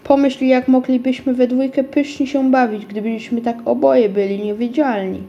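A woman's voice: high voice, fairly even intonation, moderate pace, warm tone, dull audio. A woman voicing an eager, persuasive young boy in a storybook reading. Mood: pleading. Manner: pleading, enthusiastic.

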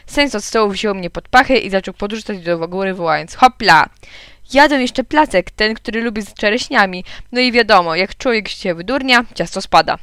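A woman reading a children's storybook aloud in a lively way, narrating as a small boy. Her voice is smooth and resonant, and the recording is dry and close, with no room sound. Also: mid-range voice, brisk, hardly any pauses, no room sound. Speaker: audiobook reader. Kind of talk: children's audiobook narration, told as a young boy.

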